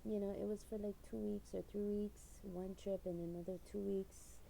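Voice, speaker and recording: Middle-aged woman, rambling vlog storyteller, deep and mellow, faint hiss under her. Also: little pitch movement, moderate pace, gravelly, low-quality recording. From Hawaii. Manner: rambling storyteller with frequent fillers and laughs. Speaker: channel owner. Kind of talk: casual personal vlog.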